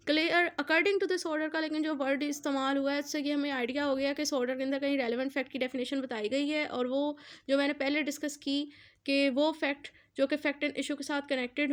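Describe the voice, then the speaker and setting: A woman with a Pakistani accent and a high voice delivers an explanatory law lecture. She teaches didactically, repeating and rephrasing points and mixing in English terms.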